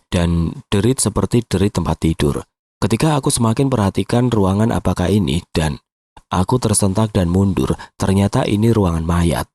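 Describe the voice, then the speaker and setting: Male horror narrator, lowish voice, dry close sound, hushed and tense. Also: no room sound. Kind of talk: scripted horror radio narration.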